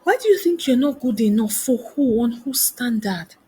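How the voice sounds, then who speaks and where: Husky-voiced woman coaching with rhetorical questions. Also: fairly high pitch, animated, normal speed, warm tone. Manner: asks many rhetorical questions. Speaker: career coach and trainer. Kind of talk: motivational teaching talk.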